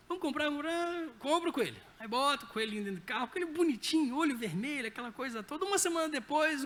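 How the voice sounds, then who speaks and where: Brazilian pastor preaching in a reverberant hall. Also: male voice, very high-pitched. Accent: Brazilian Portuguese. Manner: lively anecdotal storytelling with humor. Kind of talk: sermon. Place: church sanctuary.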